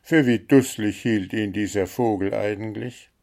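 A man reading a storybook aloud in a calm, measured way. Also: on the low side, gravelly.

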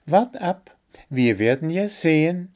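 A man voicing a small, stubborn blue bird in a children's story, talking high and insistent. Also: animated, slow pace, darkish tone.

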